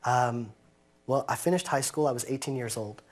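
In a sit-down interview on a living-room couch, an American-raised man in his thirties speaks earnestly in a mid-range voice, slowing down to emphasize his points.

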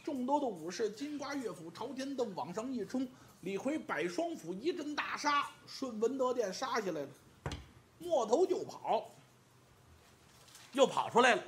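A man telling a traditional pingshu tale in a lively, vivid and humorous way. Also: very high-pitched, normal speed, a little hiss or hum. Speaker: storyteller.

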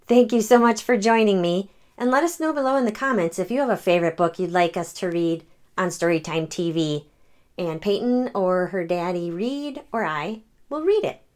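At normal speed and medium pitch, this woman hosts a read-aloud for kids, bringing a picture book to life with expressive narration.

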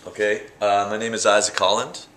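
Speaking briskly in a voice on the low side, a young Canadian man answers casual interview questions about his paintings at his exhibit in an indoor gallery. He rambles in a relaxed way with fillers and restarts, recorded by a nearby handheld camera in an echoey room.

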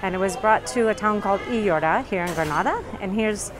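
A woman's voice: mid-range voice, brisk, a crowd in the background. A woman guiding a casual walking tour, her speech muffled as she talks through a face mask. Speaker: local tour guide vlogger. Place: covered market and its entrance. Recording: noisy handheld recording with market ambience.

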